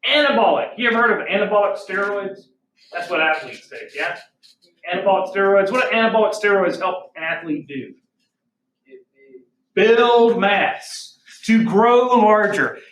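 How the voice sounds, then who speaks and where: A man's voice: high voice, animated, moderate pace, a bit bright. A male biology teacher, lecturing a class in a folksy way, telling stories and checking in with questions. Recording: roomy classroom audio from a distant mic.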